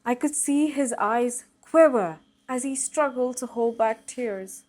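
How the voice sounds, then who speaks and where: A woman host reading a scary story aloud in a slow, dramatic storytelling manner. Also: on the high side, a little mellow. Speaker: storytelling cooking channel host.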